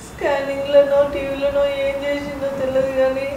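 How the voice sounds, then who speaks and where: An actress playing a frightened young pregnant daughter-in-law, speaking in a subdued, fearful way. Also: female voice, sits high, monotone, normal speed, noisy background, close to an everyday voice. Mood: worried. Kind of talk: short film acting. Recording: echoey room, distant mic.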